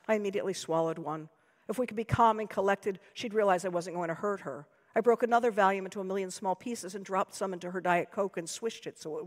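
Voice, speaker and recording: An American woman author reading her own fiction aloud in a dry, measured, deadpan way. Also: medium pitch. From United States. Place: lecture hall. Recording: long hall reverb.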